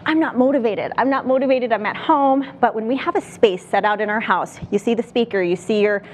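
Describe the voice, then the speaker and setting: A woman's voice: on the high side, brisk. Brief: woman in her 30s, upbeat fitness coach demoing gear, faint studio hum. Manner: upbeat, explaining tips. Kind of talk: TV studio demonstration. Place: TV studio set.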